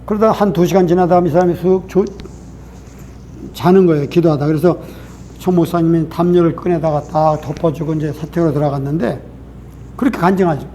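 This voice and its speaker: A man preaches a Sunday sermon in a notably high, light voice. He tells a story earnestly and keeps turning to the congregation with rhetorical questions. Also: steady tone, fairly quick, dark tone, slight background noise. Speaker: pastor.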